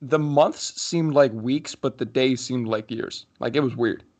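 A man's voice: medium pitch, a little slow, darkish tone. A young man co-hosting a hockey podcast, talking in a rambling casual way with many restarts. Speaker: podcast co-host. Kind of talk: casual chat.

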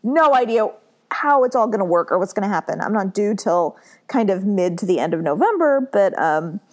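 A woman's voice: mid-range voice, animated, moderate pace. A pregnant young woman co-hosting a podcast, talking casually with lots of fillers and sounding tired. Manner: chatty, many "like" fillers. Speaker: podcast co-host. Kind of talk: casual chat.

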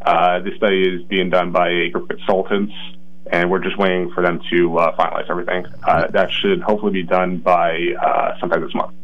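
A man's voice: deep voice, little pitch movement, fairly quick, slight background noise. A man who is a county planning coordinator, calling in by phone to a radio interview and explaining carefully with frequent rephrasing. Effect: heard over a phone line. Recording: muffled lo-fi phone line.

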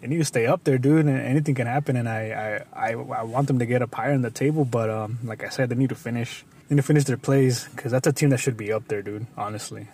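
A man's voice: medium pitch, quick pace, hardly any pauses, darkish tone, breathy edge. A man co-hosting a casual sports chat, rambling with many restarts and saying "dude" constantly. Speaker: podcast co-host.

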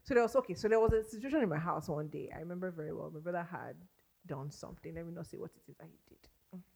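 A woman's voice: fairly low pitch, quick pace, vocal fry, darkish tone, breathy edge. A woman, a podcast guest telling stories in casual chat and laughing often.

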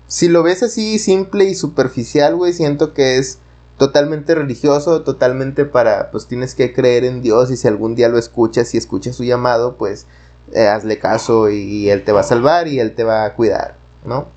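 A man with a Mexican Spanish accent who talks loosely and rambles, peppering every phrase with slang. His voice sits at an ordinary middle pitch. He tells a story in casual conversation. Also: darkish tone. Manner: rambling, slangy, many fillers.

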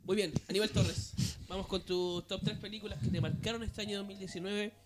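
A young man with a Chilean Spanish accent, hosting a casual podcast chat and teasing his friends with quick questions. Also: sits high, fairly even intonation, noisy background. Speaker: podcast host.

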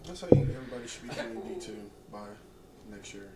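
A man's voice: medium pitch, animated, fast, crowd noise. A man in a casual podcast chat, explaining his point earnestly to his friends.

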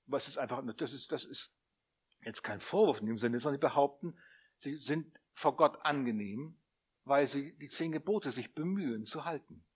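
A man preaching a sermon, who talks straight to his listeners, asks them questions and builds up to loud, emphatic appeals. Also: mid-range voice, lively intonation, normal speed, slightly rough. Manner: addresses the listeners directly, asking them questions.

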